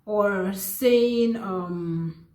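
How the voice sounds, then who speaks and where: A young Nigerian woman tells a personal story straight to the camera, earnest and animated, often stopping to rephrase. Her voice sits in a middle pitch and leaps up when she stresses a point. The room is echoey around her. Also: very slow. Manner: earnest and animated, with many restarts and pitch jumps for emphasis. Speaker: vlogger. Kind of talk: casual storytelling.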